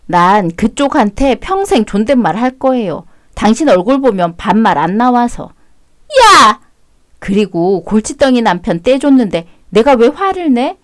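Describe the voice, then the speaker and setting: A woman's voice: fairly high pitch, very animated, moderate pace, few pauses, a little mellow, dry recording. A woman acting out a radio drama as the wife, speaking in a cool, blunt and sarcastic way. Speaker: voice actor narrating and playing the wife.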